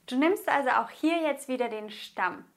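A woman's voice: high voice, expressive, moderate pace. A woman teaching a grammar lesson in a patient, encouraging way, spelling things out and repeating. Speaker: language teacher.

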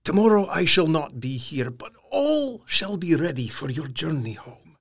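A man playing a courteous yet menacing vampire count in an audio drama, commanding and mocking, with a slow, theatrical delivery and a husky voice. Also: on the high side, sing-song, dry recording, studio quality, heavily acted. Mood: smooth, courteous. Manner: slow, theatrical, stately, with sudden swells.

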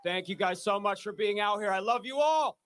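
A man giving an emphatic rally speech, shouting out his key lines to a crowd. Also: high-pitched, expressive, brisk, a little hiss or hum. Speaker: rally speaker, protest organizer.

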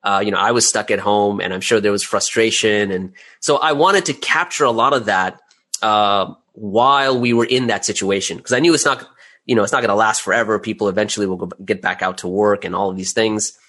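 His lowish voice comes out brisk, bright and forceful. This middle-aged man, a creator being interviewed, chats casually and candidly, chuckling while he downplays his own work.

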